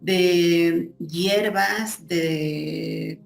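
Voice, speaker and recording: A woman's voice: lowish voice, fairly even intonation, drawn-out words, creaky, soft background music. A woman recounting a personal experience as an interviewee, in an earnest, reflective way. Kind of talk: personal testimony. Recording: roomy echo.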